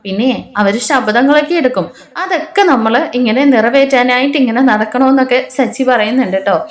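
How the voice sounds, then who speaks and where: A woman's voice: fairly high pitch, fairly quick, roomy sound. A woman from Kerala with an Idukki Malayalam accent, chatting her way through a TV serial episode and quoting the characters in her own voice. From Kerala, India. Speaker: serial recap narrator.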